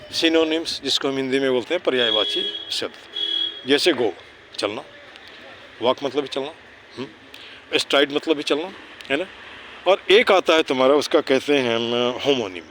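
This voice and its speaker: A man of middle pitch explains things to children in a casual outdoor teaching chat, near a city park. He keeps checking that they follow with little tag questions, slips English words and phrases into his sentences and recites rhyming slogans. Faint traffic hums behind him. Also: a little slow, long pauses, a bit bright. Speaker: neighbourhood cleanliness volunteer teaching children.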